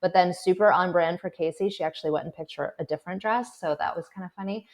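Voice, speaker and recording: Chatty woman with a low voice. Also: quick pace. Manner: chatty, laughs often, frequent fillers. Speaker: political correspondent, guest. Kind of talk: conversational interview. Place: South Florida.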